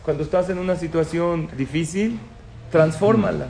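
Guy preaching to a crowd, bit high voice, echoey room with faint hum. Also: normal speed, vocal fry, mellow. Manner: storytelling, asks the audience questions. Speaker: rabbi lecturer. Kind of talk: religious talk to an audience.

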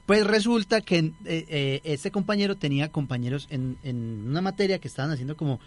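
A man's voice: a little high, expressive, fairly quick. Young man telling a story. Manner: storytelling, acts out quoted voices. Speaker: radio show co-host. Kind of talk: casual chat.

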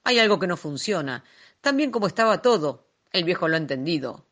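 A woman reading an audiobook voices a cruel, menacing old male alchemist with a hoarse, shouting, sardonic voice. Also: fairly low pitch, sing-song, a little fast.

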